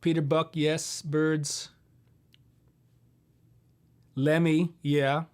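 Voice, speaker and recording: Casual middle-aged male streamer, somewhat higher voice, rambling and easygoing, close desk mic. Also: very slow, clean tone. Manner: relaxed, rambling, answers viewer questions with fillers. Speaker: host of a live guitar Q&A stream. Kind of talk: casual live-stream chat.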